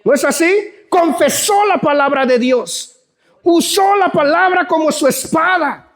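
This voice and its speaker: A man's voice: extremely high pitch, measured pace. A man preaching a sermon fervently, often calling out to the congregation as brothers.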